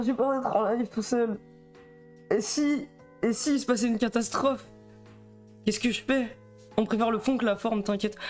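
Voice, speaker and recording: A young man with a Belgian French accent streaming alone, chatting in a rambling, nervous way, stammering and often laughing. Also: high-pitched. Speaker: livestreamer. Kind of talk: casual live-stream chat.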